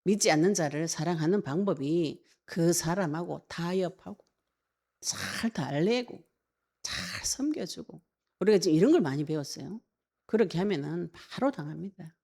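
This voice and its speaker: A woman's voice: low voice, gravelly, mellow. A woman pastor preaching a sermon, emphatic and full of rhetorical questions.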